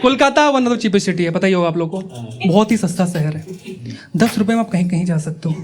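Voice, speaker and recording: A man's voice: high-pitched, a little fast. A young man from Uttar Pradesh doing stand-up, telling stories in a chatty way, teasing the audience and acting out the people in them. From Uttar Pradesh, India. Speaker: stand-up comedian. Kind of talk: stand-up comedy storytelling. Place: comedy club stage before a live audience. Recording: live show with audience laughter.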